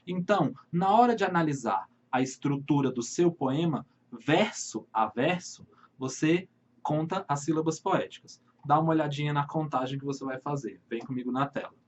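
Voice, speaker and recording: A man with a Brazilian accent teaching literature in an online video lesson, speaking straight to his viewers and slowing down to read verses aloud. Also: fairly high pitch, lo-fi sound. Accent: Brazilian Portuguese. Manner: friendly, addresses viewers directly, slows to read verses.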